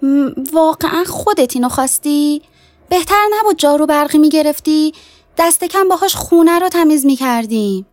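A man's voice: extremely high pitch, lively intonation, hardly any pauses, dry recording, pitched above the performer's own voice. A man voicing a stern, impatient wife and mother who scolds her husband.

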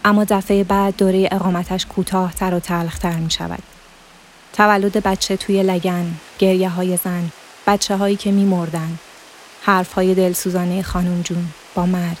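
A woman reading a literary story aloud as narrator, in a steady, measured manner. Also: fairly low pitch, slight background noise.

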